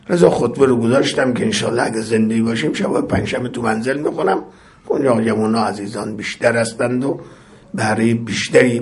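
A man preaching a religious sermon in a mid-range voice. He chants lines of Arabic prayer and explains each one, and his voice climbs into fervent, ringing cries as phrases repeat. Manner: recites Arabic prayer lines, then explains them in Persian; builds to impassioned high-pitched cries on repeated phrases.

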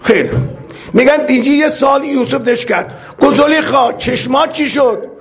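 A male preacher giving a religious sermon, telling stories with humor and acting out the characters. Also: very high-pitched.

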